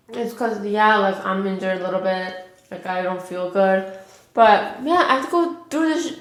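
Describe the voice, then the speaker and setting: A young woman telling a story in casual chat while she eats on camera, rambling and filling every pause with 'like'. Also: mid-range voice. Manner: rambling, heavy use of 'like'. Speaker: mukbang vlogger. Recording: echoey room.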